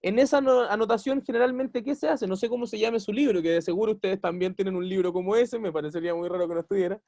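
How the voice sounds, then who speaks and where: A man's voice: high-pitched, fast talker, creaky, a little mellow, dry recording. A man giving a university lecture as a teacher, explaining at length, asking rhetorical questions and acting out quotes.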